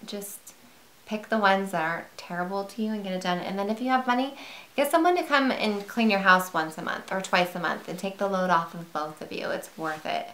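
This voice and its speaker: A woman's voice: medium pitch, animated, fairly quick, a bit bright. A woman vlogger chatting casually to camera at home, rambling a little with fillers. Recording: roomy echo.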